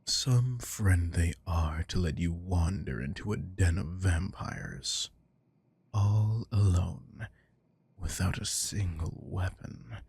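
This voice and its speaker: Heavily acted and a little mellow, a deep, gravelly, breathy male voice plays a dominant, predatory vampire lord for ASMR roleplay. He draws out his taunts slowly and frequently whispers right up against the mic.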